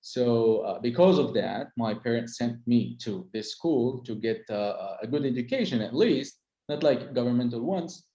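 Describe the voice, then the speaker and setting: Warm and mid-range, with lively intonation at a moderate pace, this middle-aged Arabic-speaking tour guide from the Holy Land talks casually. His speech is hesitant and full of fillers like "uh" and restarts, and the muffled audio has reverb.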